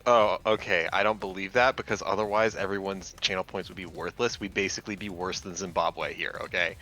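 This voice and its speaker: A young man co-hosting a casual stream, teasing with a deadpan, mock-serious manner. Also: deep voice, a little fast, poor audio. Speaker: stream co-host. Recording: faint music in background.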